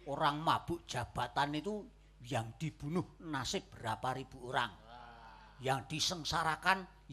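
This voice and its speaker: A man plays a drunkard on a comedy stage, sly and preachy. His talk is low and slow, delivered with mock-solemn weight in a forceful, bright tone. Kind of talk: stage comedy theatre acting.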